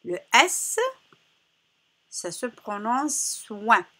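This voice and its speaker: Female teacher, slow and breathy, drilling children on sounds. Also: mid-range voice, lively intonation, a bit bright. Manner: slow, carefully articulated, repeats sounds for children. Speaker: primary school teacher. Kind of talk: phonics lesson for young children.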